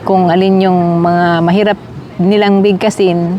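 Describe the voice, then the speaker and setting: Chatty Filipina vlogger in a park. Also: female voice, on the low side, little pitch movement, unhurried, dull audio, a little hiss or hum. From Philippines. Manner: chatty, addresses viewers as guys. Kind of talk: casual walking vlog. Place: outdoors in a park.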